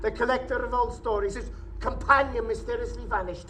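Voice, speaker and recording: An actor playing a suave, gloating ancient vampire in a theatrical audio drama, speaking with pompous, mocking courtesy. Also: male voice, very high-pitched, fairly even intonation, brisk, sharp tone, a little hiss or hum. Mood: sly. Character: Count Dracula, suave gloating ancient vampire posing as professor. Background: music.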